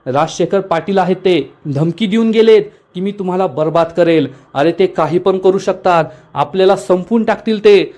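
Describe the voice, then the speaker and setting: Scornful domineering woman boss, read by a man, high voice, scolding. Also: darkish tone, natural voice. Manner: angry, scolding, taunting.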